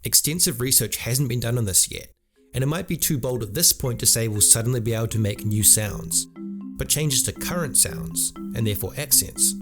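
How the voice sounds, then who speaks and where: New Zealand male narrator, explanatory and lightly wry, clear music behind. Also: mid-range voice, moderate pace. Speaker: video essay narrator. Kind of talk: scripted narration.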